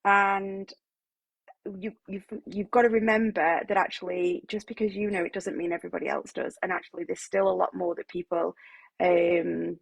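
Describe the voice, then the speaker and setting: A woman's voice: on the low side, flat delivery, moderate pace, creaky, dry recording, rough recording. A woman author talking casually to a writing group in a live online session, chatty, with many fillers and restarts.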